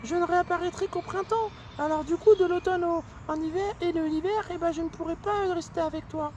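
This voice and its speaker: A woman voicing a kind, friendly female flower in a children's story, speaking gently and reassuringly. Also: very high-pitched, steady tone, fairly quick, slight background noise. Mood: gentle.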